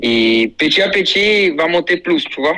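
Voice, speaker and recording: A man's voice: a little high, expressive, moderate pace, bright, forceful tone, poor audio. A man who is a guest player on a sports show, answering in short, simple sentences with non-native phrasing. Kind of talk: casual interview answers.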